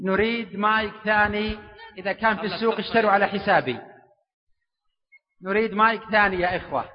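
In a big lecture hall full of people, a man gives a public religious talk in a very high, rapid voice, joking and animatedly urging the crowd to answer back. The sound comes across muffled, echoing down the long room.

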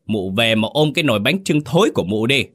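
A man voicing a cruel, arrogant rich young master who shouts with contempt. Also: mid-range voice, very animated, quick pace, voice pushed up. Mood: furious contempt.

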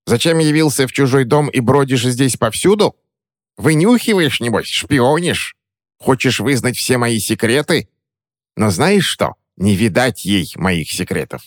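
A man's voice: medium pitch, lively intonation, unhurried, dry recording, studio quality, voice pushed up, lightly acted. A man voicing a suspicious, cranky old woman who threatens and snaps at an intruding boy, in a storybook reading. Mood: suspicious scolding. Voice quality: sharp, snapping, mocking.

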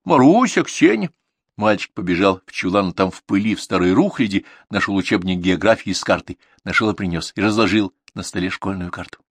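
A man's voice: sits low, fairly even intonation, fairly quick, hardly any pauses, breathy edge, dry recording. Man narrating a short story. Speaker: audiobook narrator. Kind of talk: scripted literary narration.

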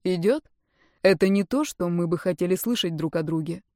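A woman's voice: lowish voice, moderate pace, darkish tone, dry recording, close to an everyday voice. A woman reading a story, voicing a blunt, decisive young man in a dry, matter-of-fact tone close to her own voice. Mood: curt.

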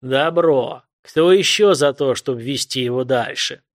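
A man's voice: mid-range voice, natural voice. A man voicing a stern old warrior god. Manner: slow, weighty, scornful pronouncements. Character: gruff ancient male warrior god, stern and proud.

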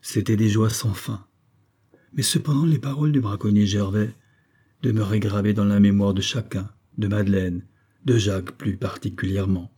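A man reading a classic novel aloud in measured, literary scripted narration. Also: lowish voice, steady tone, warm tone, slightly rough. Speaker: audiobook narrator.

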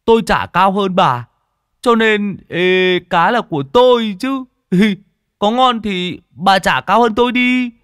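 A man's voice: high-pitched, animated, slow pace, a bit bright, clear, resonant tone, no echo, clean studio sound, voice pushed up, heavily acted. A man doing a cocky, boastful young rascal. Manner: boastful, teasing.

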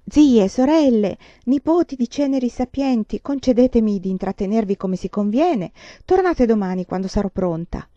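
A woman reading the part of a kind, protective village wife, speaking gently and courteously. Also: on the high side, lively intonation, moderate pace, hardly any pauses, no echo, highs cut off, pitched above the performer's own voice, natural voice.

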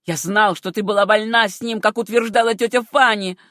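Brief: woman reading a harsh, bullying uncle, loud and contemptuous, dry close audiobook sound. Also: medium pitch, steady tone, fairly quick, no room sound, lightly acted. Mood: angry scolding. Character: stern angry middle-aged uncle, scornful and bullying.

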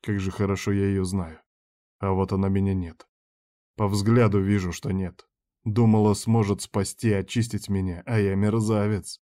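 A man narrating a first-person audiobook. His voice is low, with a dark and mellow tone. He reads in a measured, cold way and bites off his own lines curtly. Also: little pitch movement.

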